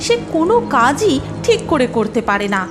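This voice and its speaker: Expressive woman narrating a cartoon tale. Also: sits high, moderate pace. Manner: expressive, sing-song storytelling. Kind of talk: scripted storybook narration. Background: music.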